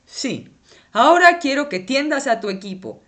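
Bodiless guide: bright, lively, unhurried woman, acted by a woman, teacherly and patient. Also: high voice. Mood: explaining. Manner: patient, explaining, occasionally scolding. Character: patient female guiding voice with no body. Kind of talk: children's educational cartoon acting.

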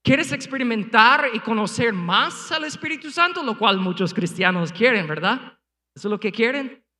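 A man preaches to his congregation in a high, bright voice that cuts through the room. He presses his points with rhetorical questions and punchy sound effects, and his words ring with the long reverb of a church hall. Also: animated, normal speed. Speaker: pastor. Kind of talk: sermon. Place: church sanctuary before a congregation, also streamed online.

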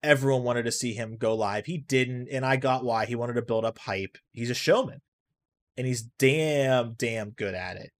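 A man's voice: medium pitch, moderate pace. Rambling man hosting a casual podcast. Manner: rambling, offhand, swears now and then; reacts aloud to a video game while talking. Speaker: podcast host. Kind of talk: casual solo podcast chat.

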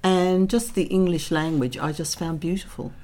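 A middle-aged woman born in the Netherlands speaks as an interview guest in a candid conversation, telling stories with reflective, dry humour. Her voice is lowish and dark in tone, with fairly even intonation and a normal speed.

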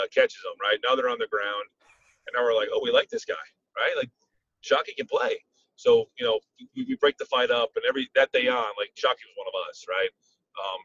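A man, a former football player and coach, telling stories in a casual interview, often pausing on "um" and checking in with "right?". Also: mid-range voice, creaky, distant mic, lo-fi sound. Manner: animated storyteller, frequent "um" and "right?".

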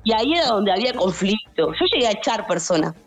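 A woman's voice: quick pace, faint music behind. A young woman, telling funny stories in a casual podcast chat. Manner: animated, acts out customers in high shouted voices. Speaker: guest storyteller, stand-up comic.

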